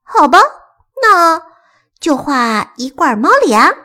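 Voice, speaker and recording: 女人扮演的哼哼唧唧的小黑白猫. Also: female voice, high-pitched, very animated, slow, bright, forceful tone, voice pushed up, heavily acted. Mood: whiny.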